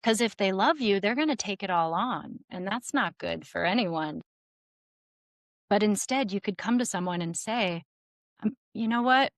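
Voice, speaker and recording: Animated middle-aged female relationship coach, podcast chat, dry close mic. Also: medium pitch, moderate pace, no room sound. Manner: animated, acts out quotes with lots of "like". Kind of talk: casual podcast interview.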